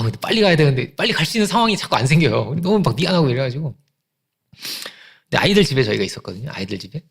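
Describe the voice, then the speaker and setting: A man's voice: medium pitch, creaky, husky. A middle-aged male pastor preaching a sermon with emphatic repetition and rhetorical questions.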